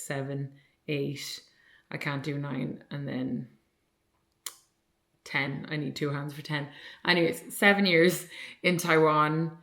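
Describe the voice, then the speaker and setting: A young woman with an Irish accent talks in a loose, rambling vlog style, full of "like" and "you know". Her voice sits a little low, and the room around her is echoey. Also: fairly bright tone. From Ireland. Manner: chatty, rambling, lots of "like" fillers. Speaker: vlogger and online coach. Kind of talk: casual vlog chat. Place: at home, indoors.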